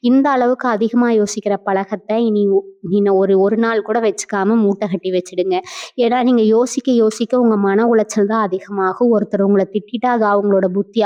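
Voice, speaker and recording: A woman's voice: mid-range voice, highs cut off. Earnest woman giving astrology advice. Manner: earnest, direct advice to listeners. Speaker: astrology presenter.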